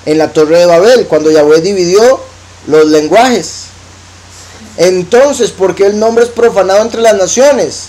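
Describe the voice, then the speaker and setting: A man preaching in Latin American Spanish, reading verses slowly and explaining them conversationally. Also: high voice, mellow, poor audio. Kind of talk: scripture teaching.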